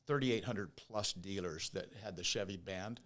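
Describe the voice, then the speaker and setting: An American man in his fifties or older from Oregon, a business owner appearing as a podcast guest, speaks in a low voice at normal speed with a fairly bright tone. New teeth give his s a whistle. He tells his story conversationally, repeating points for emphasis and asking rhetorical questions.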